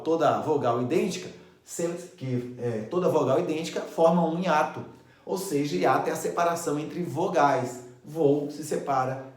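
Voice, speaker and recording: Lively male grammar teacher, echoey room. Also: a little high. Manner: lively, checks in with listeners often. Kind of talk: animated grammar lesson.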